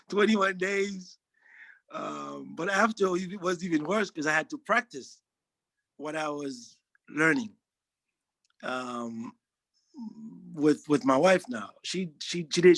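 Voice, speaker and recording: A social worker from Haiti, a man in his 40s, speaks a little high with a fairly bright tone during an earnest testimonial interview. He hesitates and restarts his sentences frequently; the recording has no room sound.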